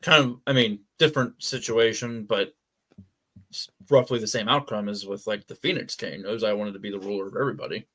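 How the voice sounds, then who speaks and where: A man's voice: fairly low pitch, steady tone, a little fast, a bit bright, breathy edge. A man co-hosting a casual podcast, mostly giving short agreeing replies. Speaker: podcast co-host. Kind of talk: casual chat.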